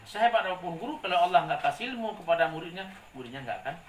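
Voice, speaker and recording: A male preacher giving a lively sermon, asking the congregation to complete his sentences. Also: high voice, rapid-fire. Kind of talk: sermon with call-and-response. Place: hall with a gathered congregation. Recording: echoey room, distant mic, faint noise.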